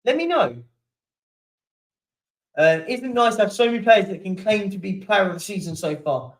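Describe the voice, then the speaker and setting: A man's voice: sits high, expressive, normal speed, recorded from a distance, poor audio. A young man hosting a casual live-stream chat, reading out viewer comments and yawning now and then. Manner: chatty, keeps yawning and apologising.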